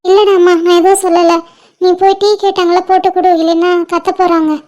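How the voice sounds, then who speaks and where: A woman voicing a gentle, resigned young woman about to be married, soft-spoken and tender in an amateur audio drama. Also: very high voice, little pitch movement, fast talker. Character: sorrowful young bride-to-be, gentle elder sister. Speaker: elder sister.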